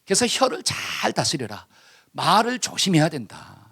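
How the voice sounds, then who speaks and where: Male pastor, emphatic sermon, rhetorical questions, high voice. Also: very animated, normal speed, creaky, bright, forceful tone, slightly rough. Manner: leads congregation in call-and-response reading.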